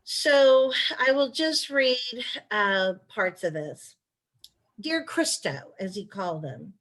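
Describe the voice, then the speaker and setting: A woman author, a former chief of staff, reading letters aloud in a measured storytelling way during a video call interview. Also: a little high, fairly bright tone.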